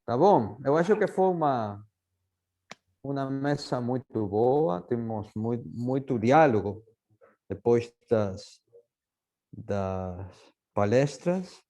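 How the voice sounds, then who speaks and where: Mellow man moderating, with a Spanish-speaker's accent. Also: mid-range voice, expressive, slow, long pauses. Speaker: panel moderator. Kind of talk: informal moderating of an academic panel.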